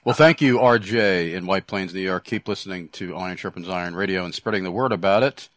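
A man hosting a radio show, relaxed, chuckling often and using hesitant fillers. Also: low-pitched, brisk, dry recording.

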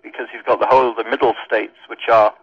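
A middle-aged Welsh man, a minister and radio guest, giving thoughtful answers with many pauses and ums. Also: mid-range voice, flat delivery, husky, no echo. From Wales. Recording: dull lo-fi radio sound.

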